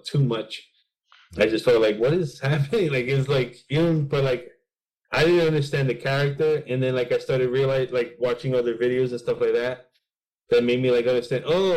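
A man co-hosting a laid-back podcast, rambling through his points with endless fillers. He keeps slipping into quick acted-out bits of imagined dialogue. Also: mid-range voice, a little mellow, poor audio. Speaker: podcast co-host. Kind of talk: casual chat.

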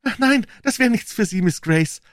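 A man's voice: high voice, expressive, normal speed, no echo, studio quality, voice pushed up. A man voicing an anxious, bitter older woman, a former nanny, in a storybook reading. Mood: eager, anxious.

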